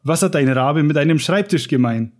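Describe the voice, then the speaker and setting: A man's voice: fairly high pitch, lively intonation, normal speed, a little mellow, natural voice. A man reading the Hatter's lines from a storybook as an odd, rude man who speaks in riddles. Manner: read aloud from a book.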